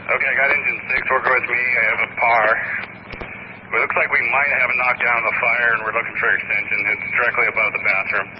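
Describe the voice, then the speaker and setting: A man's voice: medium pitch, flat delivery, fast talker, highs cut off. A man working as a firefighter, giving terse status reports over a noisy field radio. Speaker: firefighter, engine company officer.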